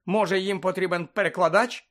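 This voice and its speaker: A man's voice: high-pitched, fairly even intonation, fairly quick, a bit bright, voice pushed up. A man reading aloud voicing a modest teenage schoolboy who speaks matter-of-factly. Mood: plain. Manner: plain, matter-of-fact. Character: teenage boy wizard student, modest.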